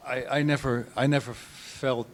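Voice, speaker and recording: An older man from the Netherlands with a Dutch accent, speaking at a panel talk in a meandering way, restarting phrases and clearing his throat. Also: mid-range voice, fairly even intonation, unhurried. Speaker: photographer, guest artist.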